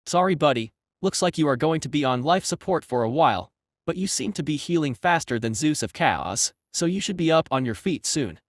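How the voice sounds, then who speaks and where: A man's voice: a little high, animated, brisk, dry recording, natural voice. A man voicing a sardonic, grumbling male demonic tree in a storybook recap. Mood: matter-of-fact. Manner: dry, grumbling remarks.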